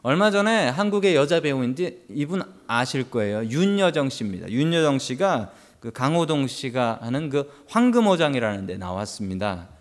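A man's voice: medium pitch, sing-song, normal speed, hardly any pauses. A male pastor preaching a sermon, telling stories with humorous asides to the congregation.

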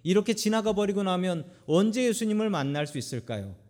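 Pastor, male, high-ish voice; dramatic sermon delivery with rhetorical questions and call-and-repeat prayers. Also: sing-song, fairly quick, darkish tone. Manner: dramatic, voice swelling on points and dropping low on quoted verses. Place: church, Friday prayer meeting.

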